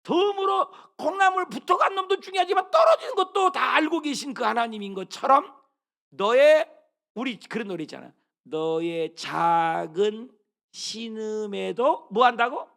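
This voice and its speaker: A middle-aged man preaching a sermon in a high voice with a gravelly edge. His pitch leaps and dips constantly as he moves between loud calls and soft, hushed asides. He keeps asking his listeners questions as he goes. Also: sing-song, moderate pace. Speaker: pastor.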